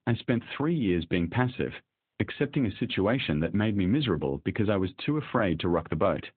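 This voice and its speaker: Resolute young wife done staying quiet, read by a man in his own low, husky voice; lively lines, dry and tinny phone-like sound. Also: brisk.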